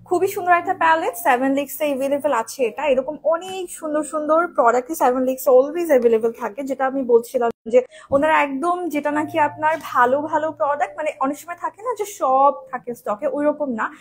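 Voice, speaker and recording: A woman with a hoarse voice, talking loudly in casual chat while doing a makeup tutorial on a live stream. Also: high-pitched, fairly quick. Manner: talks loudly, habitually projecting her voice. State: hoarse from daily loud talking.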